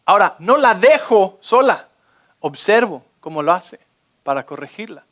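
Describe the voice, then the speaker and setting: A man preaching a sermon as pastor, energetic and often checking in with his listeners. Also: high voice, a little slow. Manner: energetic, keeps checking in with the audience.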